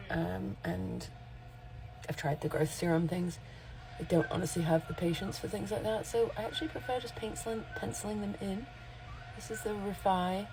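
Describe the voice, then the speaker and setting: A makeup artist in her forties, with a voice on the low side, talks candidly to camera in a casual, chatty vlog. She rambles and corrects herself as she goes, and the recording quality is low.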